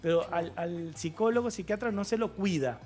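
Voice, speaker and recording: A man, a guest sexologist on a TV talk show, explaining things in a measured way with filler pauses. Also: high-pitched, darkish tone, faint music behind. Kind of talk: TV studio interview. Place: TV studio.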